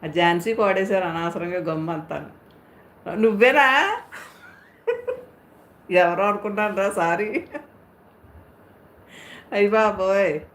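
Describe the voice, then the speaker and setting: A woman hosting a live stream, chatting casually and teasing viewers as she reads their comments aloud. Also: fairly low pitch. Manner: playful, teasing, talks straight to viewers. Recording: echoey room, faint background hum.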